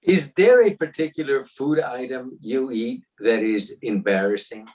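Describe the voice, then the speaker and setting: A man's voice: medium pitch, a little slow. Man asking short interview questions. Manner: brief, direct questions.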